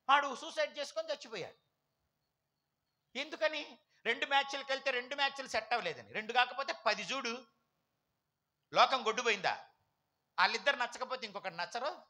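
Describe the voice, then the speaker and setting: Man, pastor, sermon, very high voice, emphatic, rhetorical questions. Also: pushed and bright. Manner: emphatic preaching, rhetorical questions, repeats phrases.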